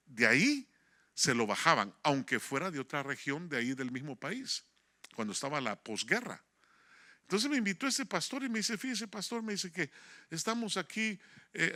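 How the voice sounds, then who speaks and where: Male pastor, bright, gravelly, lively storytelling sermon. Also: a little high. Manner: storytelling, animated, acts out dialogue, addresses listeners as hermano. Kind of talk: sermon with personal testimony.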